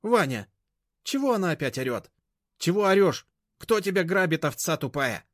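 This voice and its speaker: A man voicing a feisty, sharp-tongued older grandmother who scolds scornfully and bossily. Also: high-pitched, big pitch swings, a little fast, no room sound, clean studio sound, pitched above the performer's own voice. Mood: scolding.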